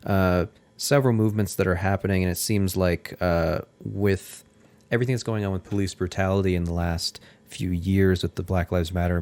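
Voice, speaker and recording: Deep-voiced man hosting a radio interview. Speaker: radio host.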